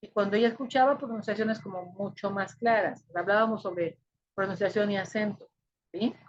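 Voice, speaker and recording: Woman, husky voice, dull lo-fi recording, patient explanatory lecture, frequent verbal check-ins. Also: mid-range voice, moderate pace. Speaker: teacher.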